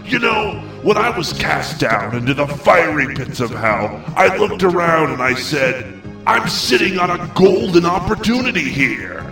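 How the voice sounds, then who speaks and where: A man playing Satan as an exasperated huckster devil, pitching in a comedic spoof, in the echo of an elevator shaft. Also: very animated, a little slow, vocal fry, bright, forceful tone, exaggerated voice. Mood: smarmy selling. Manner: salesman patter, stammering, bursting into irritated rants. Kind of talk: comedic spoof radio commercial. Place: echoing enclosed space, presented as an elevator. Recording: roomy echo, distant mic, music behind.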